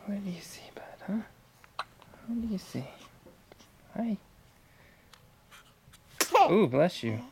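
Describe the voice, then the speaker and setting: Gravelly-voiced woman coaxing a baby. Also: fairly low pitch, big pitch swings, takes it slowly, pauses often, slight background noise. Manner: soft coaxing sing-song baby talk. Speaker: parent talking to a baby. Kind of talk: home video baby talk. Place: on a bed at home. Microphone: handheld camera mic.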